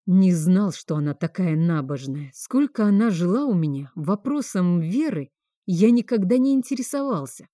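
Low, mellow woman reading an audiobook. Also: big pitch swings, normal speed, no room sound, studio quality. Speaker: audiobook narrator. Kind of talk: first-person audiobook narration.

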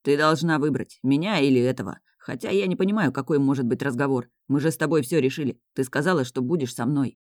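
A woman doing a gruff, growling big guy. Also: extremely low pitch, fast, few pauses, darkish tone, dry recording, studio quality. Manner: growling, blunt, swearing. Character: big rough-spoken young man, gruff and foul-mouthed. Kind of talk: audiobook reading.

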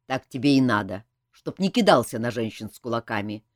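A woman's voice: very deep voice, lively intonation, fairly quick, no room sound, clean studio sound, pitched below the performer's own voice. Woman voicing a barking stern army colonel. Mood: lecturing. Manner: gruff, commanding.

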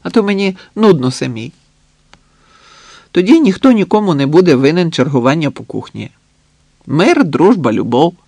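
A lively young woman full of cheeky banter, as a male narrator puts her on in a storybook reading. Her voice lifts high and ringing above his usual tone, bouncy and bossy in a friendly way. The recording is close and dry. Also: moderate pace, gravelly, long pauses, dry recording, full character voice. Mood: teasing. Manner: playful, bubbly, bossy banter.

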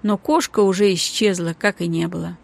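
A woman narrating a children's book audiobook in a calm, even storytelling manner. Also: fairly low pitch, fairly quick, gravelly. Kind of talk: scripted narration.

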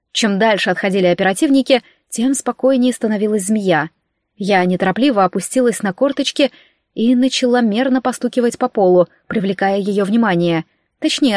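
A woman giving a lively, expressive first-person audiobook narration with dramatic delivery. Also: fairly high pitch, no echo, studio quality. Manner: lively, dramatic reading with voiced characters.

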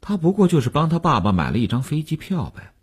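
A man voicing a calm adult male pianist who speaks in an even, detached tone. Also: a little high, fast talker, breathy edge, voice pushed up, heavily acted. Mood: cool.

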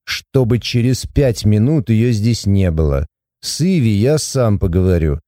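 A man voicing a stern, contemptuous grown man who speaks slowly and coldly. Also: mid-range voice, big pitch swings, mellow, dry recording, clean studio sound. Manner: slow, cold, clipped.

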